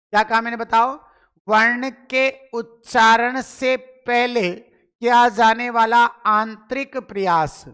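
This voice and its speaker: A man's voice: very high-pitched, sharp tone, smooth. A male teacher giving a live online grammar lesson, asking questions and answering them himself, and urging viewers to reply in chat.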